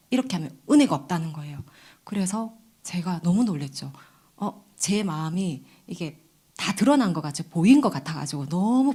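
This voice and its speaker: A woman's voice: on the low side, dark tone. A middle-aged woman giving an earnest, emotional personal testimony in a church service, with many fillers.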